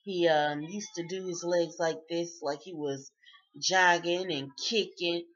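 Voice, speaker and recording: A woman's voice: on the low side, steady tone, unhurried, a bit bright. A woman talking casually in a video diary, chatty and sleepy, often breaking into laughs. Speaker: vlogger. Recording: dull lo-fi sound.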